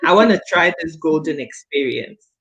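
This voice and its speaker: Here the woman's voice sits low but stays animated, with a fairly bright tone and an ordinary pace. A late-thirties guest, she gives a chatty personal testimonial and stresses things hard through repetition.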